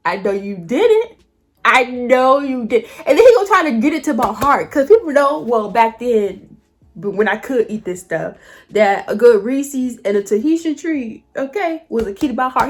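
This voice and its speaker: A woman vlogger telling a story straight to her viewers in an animated, colloquial way. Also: fairly high pitch. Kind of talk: casual storytelling to camera.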